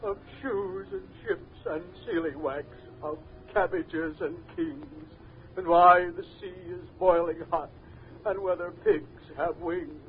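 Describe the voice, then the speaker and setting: A man voicing a pompous, sentimental walrus in a storybook recording, speaking slowly and drawn out. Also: high voice, slight background noise. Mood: solemn. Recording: tinny lo-fi old record.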